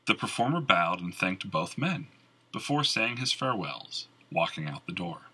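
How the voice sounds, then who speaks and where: A man narrating a fantasy audiobook in an expressive storytelling manner. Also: low-pitched, normal speed, breathy edge, rough recording.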